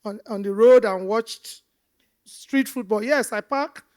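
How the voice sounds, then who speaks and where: A woman's voice: a little high, measured pace, a little mellow. Emphatic woman on a panel. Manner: emphatic, repeats phrases for stress. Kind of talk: panel discussion.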